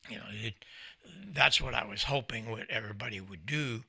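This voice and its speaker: This folksy, emphatic storyteller is an American man aged 70 or more, a company founder presenting informally from a desk in a small indoor ham radio room. A desk microphone close in front captures his lowish, brisk, creaky voice, bright and forceful with a breathy edge and no echo.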